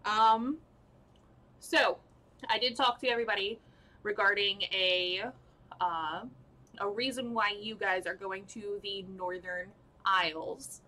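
Woman dungeon master, slow unhurried delivery, bright edge, lots of ums and restarts. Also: medium pitch, steady tone, low-quality recording. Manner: halting, filler-heavy, laughing at her own slips. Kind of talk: narrating a tabletop game on a live stream.

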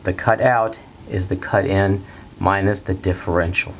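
A middle-aged man teaching a technical lesson at a whiteboard in a studio, talking plainly and steadily and repeating the key steps slowly. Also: deep voice, steady tone, a little hiss or hum. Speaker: HVAC instructor. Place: bright indoor studio at a whiteboard.

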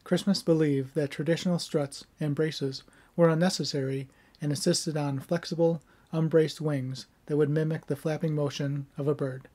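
A middle-aged man who creates history videos talks casually and then reads from a history script, recorded in a home room with bookshelves. His somewhat monotone voice is on the high side and keeps a normal pace.

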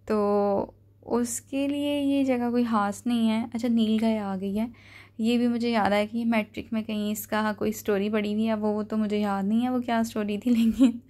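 Flat-toned woman vlogger. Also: mid-range voice. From Pakistan. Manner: relaxed, hesitant with many fillers. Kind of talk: casual voice-over review.

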